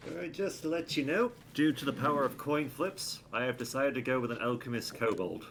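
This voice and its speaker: A man's voice: medium pitch, fairly quick, vocal fry, fairly bright tone, a little hiss or hum. A man chatting casually as a tabletop player, rambling a bit as he thinks aloud. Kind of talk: casual chat.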